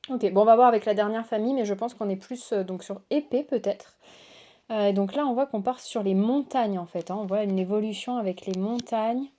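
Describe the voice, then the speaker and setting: A woman's voice: medium pitch, brisk, mellow. A woman hosting a casual unboxing chat, gushing and exclamatory as she shows cards to her viewers. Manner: gushing, exclamatory, lots of waouh and oh là là. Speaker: tarot reader and channel host.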